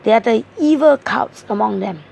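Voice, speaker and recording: A woman reading tarot explains each card in her spread earnestly, point by point, in a monologue. Her high voice is hoarse, husky and breathy, laced with heavy gravelly fry, and she speaks animatedly at a normal speed with a slightly mellow tone.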